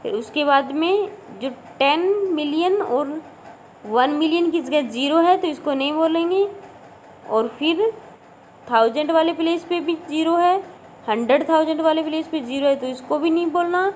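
A woman's voice: high voice, normal speed, a little mellow, a little hiss or hum, poor audio. A woman teaching a school math lesson with a Haryanvi Hindi accent, talking patiently and repeating numbers with frequent "okay" checks. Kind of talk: classroom math lesson in Hindi-English mix.

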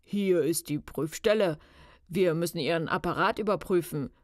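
A woman voicing a boy who pranks with a deep, loud, official male voice on the phone, in a storybook. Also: no room sound, clean studio sound, lightly acted. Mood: mock-official. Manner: loud, slow, official-sounding.

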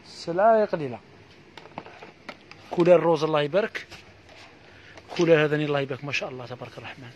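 Rapid-fire Algerian salesman. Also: on the high side, dull audio, a little hiss or hum. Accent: Algerian Arabic. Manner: rapid patter, repeating blessings and prices. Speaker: housewares shop seller. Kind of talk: live product sales pitch.

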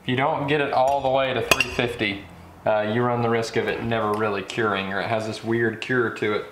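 A young man hosts a casual how-to vlog from his home garage workshop, relaxed and chatty, thinking aloud with fillers as he works. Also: mid-range voice, fairly quick. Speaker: fishing channel host. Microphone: camera mic. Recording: echoey garage with background noise.

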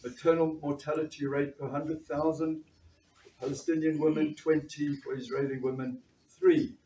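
With a fairly high pitch, flat delivery and warm tone, this South African-accented doctor in his sixties speaks at a moderate pace. He gives an earnest meeting talk as a panel speaker, reading figures from notes and often starting again. Standing before a panel table in a bright room, he's caught by a distant camera, with echo and slight background noise.

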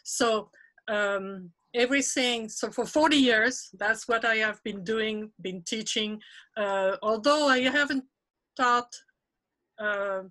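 A retired French teacher in her sixties, with a French accent, chats encouragingly in a professional development webinar over a video call. Her voice is fairly high and sharp, her pace slow, and the audio poor. She is chatty and laughs often.

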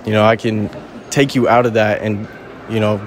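A man's voice: fairly low pitch, moderate pace. Frank young man talking on a street. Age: young adult. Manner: relaxed, frank, rambling slang. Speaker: passer-by being interviewed. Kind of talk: casual street interview. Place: outdoors on a city street.

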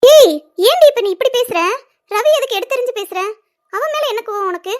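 A woman's voice: very high voice, animated, a little fast, a little mellow. A woman voicing a loyal, exasperated young woman in a cartoon serial, scolding and insistent.

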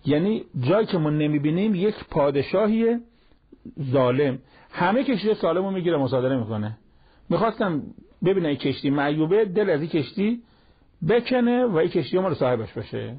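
A man with a rough, gravelly, raspy voice gives a Quran lesson as a storyteller, slipping into the speakers' lines as he retells the dialogue. The sound is dull and lo-fi, like an old television broadcast. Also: fairly high pitch. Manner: retells a story in plain colloquial speech, acting out the dialogue. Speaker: Quran teacher.

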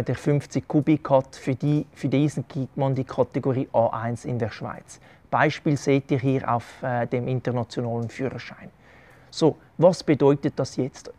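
A middle-aged Swiss man with a Swiss German accent talks earnestly to camera, walking viewers through the details one step at a time. His voice sits a little high for a man. He is recorded close on a lapel mic out on a covered garden terrace. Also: a little mellow. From Switzerland. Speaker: travel vlogger giving advice. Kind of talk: explanatory talk to camera. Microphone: clip-on lapel mic.

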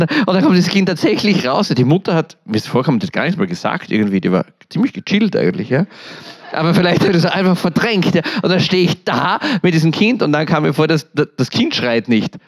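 A man with an Austrian German accent, giving a lively storytelling sermon at a church, acting out voices and laughing often. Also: a little high. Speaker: church speaker.

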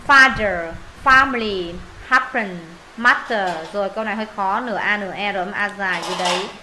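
Bright-voiced Vietnamese woman teaching English. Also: medium pitch, brisk, slight background noise, low-quality recording. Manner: repeats words for students, thinks aloud when unsure. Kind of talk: pronunciation lesson, explaining and modelling words.

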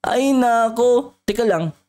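A woman hosting a Minecraft role-play video, her voice high and bouncy. She gets excitable and keeps talking straight to her viewers while she plays. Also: slow pace. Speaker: gaming YouTuber, host.

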